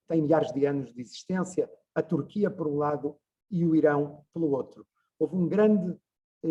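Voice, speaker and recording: A man's voice: fairly high pitch, mellow, breathy edge. A man, giving an online lecture as a journalist, talking discursively with frequent hesitations over a video call. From Portugal.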